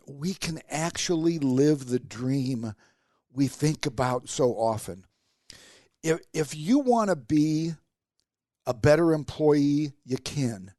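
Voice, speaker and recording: Sinus congestion gives a nasal edge to this man, a podcast host and motivational speaker who drives his points home with emphatic, repeated, rallying lines. His mid-range voice is a little mellow, captured dry with clean studio quality.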